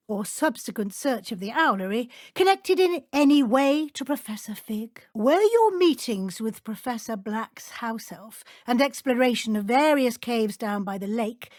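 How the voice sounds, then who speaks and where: Professor Matilda Weasley, high-voiced formal actress as schoolmistress. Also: female voice, a little mellow, dry recording, studio quality, natural voice. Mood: pointed, probing. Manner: formal, measured, crisp schoolteacher diction. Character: stern but caring woman professor at a wizard school. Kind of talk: scripted video game character dialogue.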